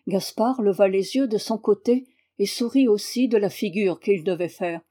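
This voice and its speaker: A woman reading a classic novel aloud in calm, even narration. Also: mid-range voice, moderate pace. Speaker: audiobook reader. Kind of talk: scripted narration.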